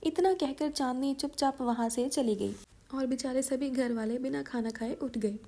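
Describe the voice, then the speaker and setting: A woman's voice: high voice, normal speed, dark tone. A woman narrating a cartoon story in a plain storytelling manner.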